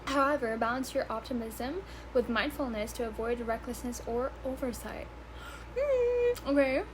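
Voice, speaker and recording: A woman in her early twenties chats and giggles casually on her vlog in a high, lively voice at a moderate pace, against a noisy background. English is her third language, not her first, and she rambles, swears and stumbles over words.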